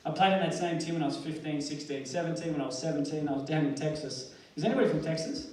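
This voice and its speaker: An Australian man gives a motivational speech, telling his story earnestly and slipping in jokes. His voice sits a little high, and it reaches a distant mic across a very echoey hall. Steady noise runs under the whole recording. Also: fast talker. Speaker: motivational speaker.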